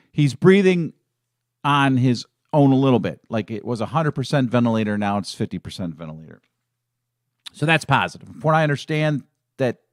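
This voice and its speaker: A man's voice: medium pitch, dry recording, clean studio sound. A middle-aged man hosting a fan live stream, talking in a casual, emotional and rambling way with many restarts. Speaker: fan channel host.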